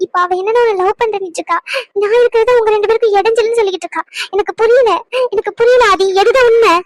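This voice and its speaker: A woman's voice: very high voice, fairly even intonation, racing, a little mellow, dry recording. A woman voicing a young wife in a cartoon drama, pleading and bitterly reproachful toward her husband. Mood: hurt. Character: young wife, hurt and fed up.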